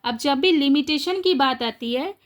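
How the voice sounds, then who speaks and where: A woman's voice: high-pitched, a little slow. A young woman teaching an exam-prep English lesson, asking her students rhetorical questions and explaining the answers step by step. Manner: lively, rhetorical questions, mixes Hindi and English.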